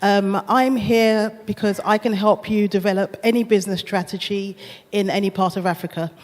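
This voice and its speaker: A woman's voice: mid-range voice, steady tone, moderate pace, darkish tone. A woman from Ghana working as a business strategy consultant, introducing herself confidently with a handheld mic on a conference stage. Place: large conference hall stage. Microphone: handheld microphone. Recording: long hall reverb.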